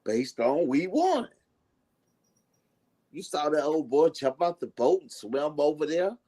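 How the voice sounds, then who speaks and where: Male co-host, lively and unhurried, jokey hot takes. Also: a little high. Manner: animated, emphatic, joking. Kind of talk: casual opinionated chat.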